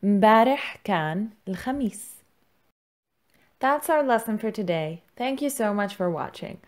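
A woman giving scripted instructional narration as a language teacher, speaking deliberately and repeating words for learners. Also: medium pitch, animated. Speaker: language teacher, lesson presenter.

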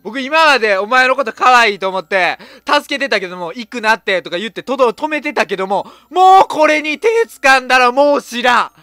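A woman's voice: fairly high pitch, expressive, fairly quick, hardly any pauses, pushed and bright, no room sound. A woman with a Kansai accent giving casual horror game commentary as a streamer, full of blunt, mouthy asides. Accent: Kansai Japanese. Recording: music behind the voice.

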